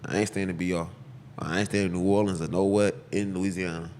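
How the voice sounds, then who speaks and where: A man's voice: low-pitched, flat delivery, a little mellow, slight background noise. A young man, chatting casually and loosely about his barbering work. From Texas. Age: 20s. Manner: slangy, loose, talks in quick bursts with repeats. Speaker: podcast guest, barber. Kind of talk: casual chat.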